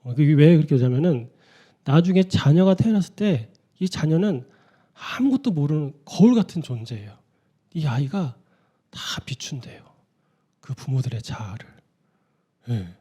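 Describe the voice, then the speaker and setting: A man's voice: fairly high pitch, big pitch swings, normal speed, pauses often, dark tone, slightly rough. A man preaching an early-morning sermon in a conversational way, often putting rhetorical questions to his listeners. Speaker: pastor.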